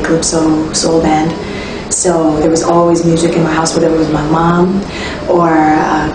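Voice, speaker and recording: A young woman, a singer-songwriter talking casually in an interview, relaxed and reflective with frequent ums and restarts. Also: sits low, noisy background. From Toronto, Canada. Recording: echoey room, distant mic, music behind.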